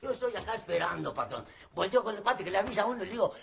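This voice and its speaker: Talkative servant, high gravelly voice, telenovela scene. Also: male voice, rapid-fire, background noise. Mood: chatty. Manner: rambling, animated storytelling. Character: chatty, cheerful male servant. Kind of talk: telenovela acting.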